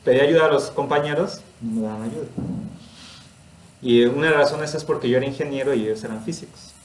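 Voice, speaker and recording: A man's voice: medium pitch, quick pace, a little hiss or hum. Earnest Mexican man, roomy echo. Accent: Mexican Spanish. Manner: earnest, personal, laughs often. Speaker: religious study teacher. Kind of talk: informal spiritual talk.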